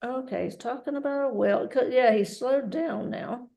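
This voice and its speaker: A woman working as a medium, relaying a spirit's messages in a halting way, often repeating words. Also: fairly high pitch, creaky, mellow. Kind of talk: mediumship reading.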